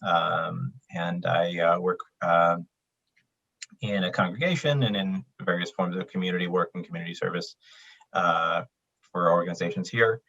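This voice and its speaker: A man with a very deep yet bright, forceful voice introduces himself on a podcast. He hesitates often and fills gaps with ums and uhs. The sound comes through a dull, lo-fi call line. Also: fairly even intonation, moderate pace, gravelly, breathy edge. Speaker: rabbi, co-host. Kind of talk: casual podcast self-introduction.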